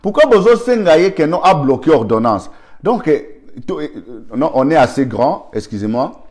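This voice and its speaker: A man's voice: on the high side, sing-song, normal speed, a little mellow. A man with a Congolese accent gives an argumentative political commentary, firing rhetorical questions and thanking viewers by name.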